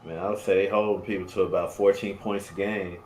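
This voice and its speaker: Laid-back male podcast co-host, lowish voice, roomy echo with faint hiss. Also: fairly even intonation. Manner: laid-back, drawn-out, trails off with "man". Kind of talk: casual sports chat.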